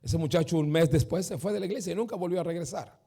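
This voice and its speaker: A man preaching a sermon as a pastor. He keeps asking "¿verdad?", calls the crowd "mi hermano" and builds up to shouting. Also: fairly high pitch, quick pace. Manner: emphatic, peppered with "¿verdad?" and "mi hermano".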